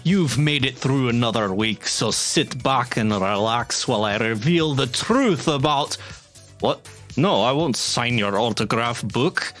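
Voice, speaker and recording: A man's voice: medium pitch, lively intonation, measured pace, fairly bright tone, faint music behind. A man voicing a pompous villain with a put-on Scottish accent, indignant and theatrical. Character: pompous villain craving respect.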